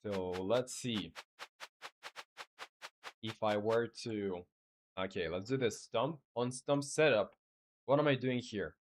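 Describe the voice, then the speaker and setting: Slow and lowish, with frequent pauses and a bit of background noise, this Chilean man codes a game on a live stream. He hesitates constantly, full of fillers and false starts, yet answers his viewers kindly in relaxed chat.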